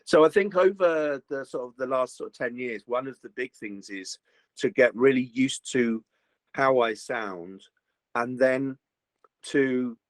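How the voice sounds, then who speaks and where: This voice actor, a man with a mid-range voice, talks a little slowly in a casual interview chat, animated and heavy on "you know" and restarts. He records from a home booth, with no room sound and low overall quality.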